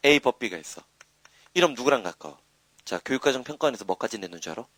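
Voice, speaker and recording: Animated man lecturing, full of rhetorical prods. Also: medium pitch, fast talker. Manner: animated, prods students with rhetorical questions and tags. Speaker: English grammar lecturer. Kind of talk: live classroom lecture.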